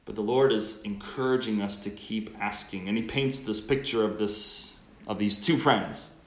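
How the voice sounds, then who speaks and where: A man with a fairly low voice speaks as a priest at Mass. His delivery is reflective, and the sound rings with a cathedral-like church echo. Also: normal speed. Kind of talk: Mass Gospel reading and homily.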